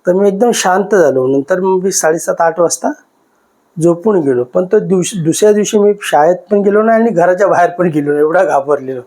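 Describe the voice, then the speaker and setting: A man in his fifties with a fairly high voice tells a podcast host about a ghost encounter from his past. He talks in an emotional, repetitive way and keeps circling back to the same moments. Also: brisk, a little mellow. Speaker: podcast guest. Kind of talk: recounting a personal ghost experience.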